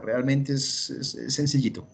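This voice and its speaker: Patient, husky-voiced male teacher. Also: mid-range voice, fairly even intonation, unhurried. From Colombia. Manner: patient, repeats rules step by step, often asks "¿listo?". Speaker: English teacher. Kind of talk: recorded online English lesson.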